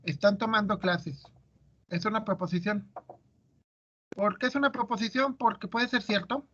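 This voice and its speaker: Male teacher, high voice, quizzing his students, muffled audio. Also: normal speed, a bit bright. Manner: asks students questions, explains step by step. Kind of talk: classroom lecture.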